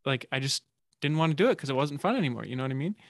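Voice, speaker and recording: A man's voice: medium pitch, lively intonation, racing, no room sound, studio quality. A man hosting a podcast in a casual interview, talking in a candid, conversational way. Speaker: podcast host.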